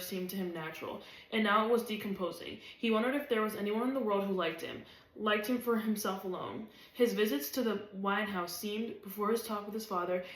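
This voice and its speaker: A woman reading a novel aloud, steady and even. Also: mid-range voice. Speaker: reader. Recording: roomy echo.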